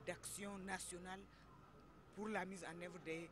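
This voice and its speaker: A man's voice: high voice, little pitch movement, unhurried, background noise. A man with a Burkinabe French accent giving a news interview soundbite, explaining earnestly.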